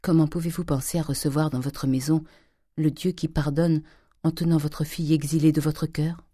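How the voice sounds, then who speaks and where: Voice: medium pitch, level tone, normal speed, dark tone, dry recording, clean studio sound, natural voice. A reader voicing a frail, devout old mother who pleads and cries out. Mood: reproachful. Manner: pleading, then crying out. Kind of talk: audiobook character voice.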